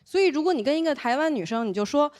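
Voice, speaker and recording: A young woman from Taiwan, speaking with a Beijing accent, races through a stand-up routine in a high-pitched voice. She tells her stories energetically, acting out quoted voices for the live audience in front of her.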